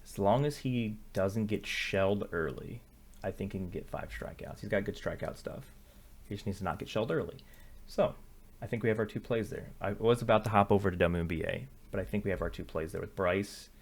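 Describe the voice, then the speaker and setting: Slightly quick and on the low side, this young man's voice carries casual screen-share commentary on sports betting picks. He reasons aloud, frequently correcting himself, with plenty of fillers.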